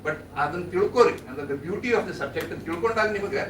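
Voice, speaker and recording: A man's voice: high-pitched, racing. A man with an Indian accent from Karnataka moderating a panel, giving informal, encouraging closing remarks and often repeating himself. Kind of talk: informal closing remarks, mixing English with Kannada. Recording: echoey hall, audience noise, distant mic.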